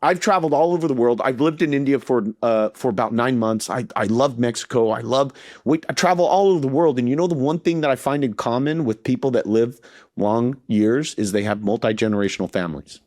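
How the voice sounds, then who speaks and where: A man's voice: medium pitch, fairly quick, darkish tone. A man in his fifties, a podcast guest talking in a casual interview, earnest and heartfelt, often repeating words as he restarts a thought. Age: 50s.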